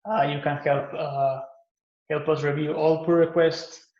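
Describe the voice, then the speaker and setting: A man from Guatemala gives a recorded pitch for an open source project he maintains, talking in a relaxed way with many "uh" fillers and restarts. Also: unhurried. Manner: relaxed, with frequent "uh" and "um" fillers and self-repairs. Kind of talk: recorded conference pitch talk. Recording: echoey, muffled lo-fi room recording.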